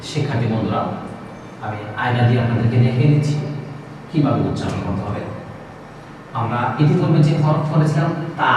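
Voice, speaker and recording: A man's voice: medium pitch, very echoey, distant mic, slight background noise, rough recording. A man teaching Quran pronunciation in a patient lesson, drawing out each letter in long sung calls.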